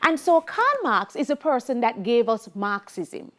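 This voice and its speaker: A woman's voice: fairly high pitch, lively intonation, measured pace. A middle-aged woman with a Jamaican accent teaching a televised sociology lesson, emphatic and repeating key points, slipping into Creole phrases.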